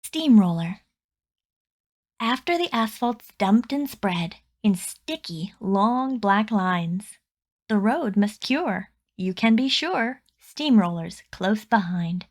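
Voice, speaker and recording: In a mid-range voice, a woman gives a rhyming picture book for kids a careful, expressive read-aloud, shaping each line the way a storyteller would.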